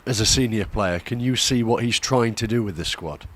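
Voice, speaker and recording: A man's voice: lowish voice, moderate pace. A man interviewing a player after a match, asking probing questions that end in tags. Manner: probing, leading questions with tag questions. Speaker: club media interviewer.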